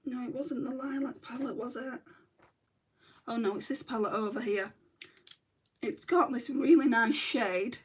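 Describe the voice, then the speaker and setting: This middle-aged woman with a northern English accent speaks on the high side, unhurried and with long pauses, against slight background noise. Casually chatting through a makeup livestream, she reads comments, mutters while working, and says she's in back pain, sounding chatty and self-deprecating.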